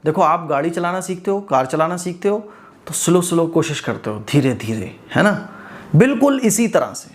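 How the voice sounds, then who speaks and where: A man's voice: fairly high pitch, sing-song. A man teaching Quran reading in an informal lesson, talking straight to learners in an encouraging way. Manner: demonstrates recitation, drawing out words very slowly; encouraging, direct address to learners.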